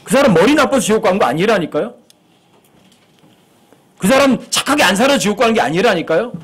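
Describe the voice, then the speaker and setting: Man, pastor, church sermon, husky, high voice. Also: expressive, fairly quick, a bit bright. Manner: conversational preaching with frequent rhetorical questions.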